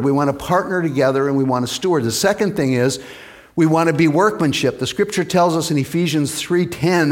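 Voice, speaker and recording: A male pastor preaching a lively sermon in church and calling on the congregation for amens. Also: fairly high pitch.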